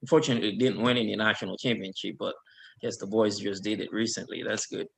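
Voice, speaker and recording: A man in his thirties from Haiti, a guest chatting casually on a video call in a relaxed, rambling way with many fillers. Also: fairly low pitch, fast, vocal fry. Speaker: guest, alumnus. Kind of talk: casual webinar chat.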